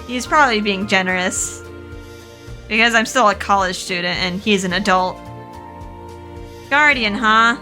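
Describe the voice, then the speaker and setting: A woman's voice: medium pitch, a little slow, pauses often, pushed and bright, soft background music. A woman reading as a dreamy college girl. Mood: wondering. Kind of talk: reading game dialogue aloud.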